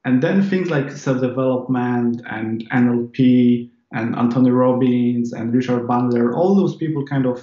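In a relaxed interview chat, this guest, a man in his thirties from Poland, talks in English with a Polish accent, wandering and restarting frequently. He keeps a medium pitch and moderate pace with few pauses, and the audio is reverberant with the highs cut off.

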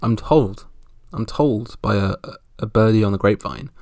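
Gravelly-voiced man hosting a sports podcast. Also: fairly low pitch, moderate pace, darkish tone, dry recording, clean studio sound. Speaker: podcast host. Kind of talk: casual solo sports roundup.

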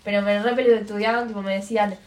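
A woman's voice: mid-range voice, a little fast, slight background noise. Young Argentine woman in an echoey room. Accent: Buenos Aires Rioplatense Spanish. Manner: relaxed conversational storytelling. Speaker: podcast co-host. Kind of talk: casual chat. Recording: roomy echo.

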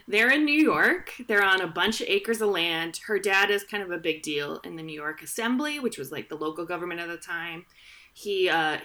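The voice here is a woman's, fairly low and sharp in tone, hosting a casual history podcast. Speaking into a studio microphone, she narrates history chattily and jokingly, heavy on fillers and asides.

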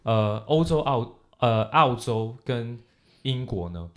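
A man's voice: medium pitch, lively intonation, slow, a bit bright. A young man chatting casually, explaining at length and mixing English words and phrases into his talk. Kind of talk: casual chat.

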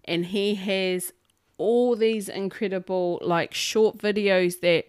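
A woman with a New Zealand Māori accent co-hosting a podcast, chatting casually in an expressive, informal, bantering way. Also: mid-range voice, takes it slowly, clean tone, dry recording, studio quality. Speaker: podcast co-host. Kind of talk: casual chat.

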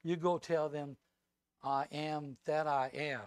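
A male preacher voicing God in a low, slow, hushed and measured way. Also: steady tone, clear, resonant tone, no room sound, clean studio sound. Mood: solemn. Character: solemn commanding voice of God.

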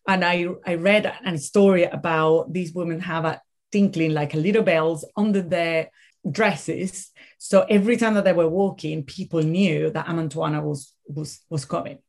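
A woman with a Venezuelan accent speaks as a guest in a conversational interview. Her voice sits a little low. She tells stories emphatically and often doubles back on her words for stress. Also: vocal fry. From Caracas, Venezuela. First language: Spanish. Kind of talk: conversational storytelling.

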